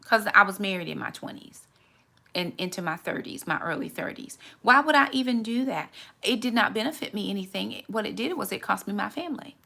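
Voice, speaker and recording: Woman in her 40s, faith talk, gravelly but bright voice, earnest, restarts her words a lot. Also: medium pitch, lively intonation, a little fast. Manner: earnest, candid, repeats words while gathering thoughts.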